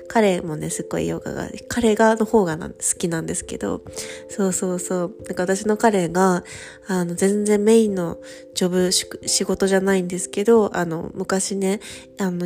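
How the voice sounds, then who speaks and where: A woman in her thirties hosting a casual solo radio chat, chatty with many fillers and a light lilt. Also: medium pitch. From Japan. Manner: chatty, many fillers, soft laughing asides. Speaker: podcast host, study-abroad coordinator. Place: home in Paris.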